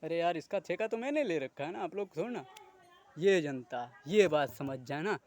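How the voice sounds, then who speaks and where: A video creator rants to camera in a heated, indignant monologue, swearing crudely and firing off rhetorical questions at viewers. His voice is fairly high and a little mellow, with lively intonation at normal speed.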